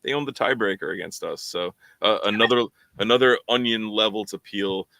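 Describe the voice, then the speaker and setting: A man's voice: on the low side, fairly quick, gravelly, bright, forceful tone, dry recording. A man co-hosting a fan podcast, chatting casually and rambling with lots of fillers and repeated words. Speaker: podcast co-host.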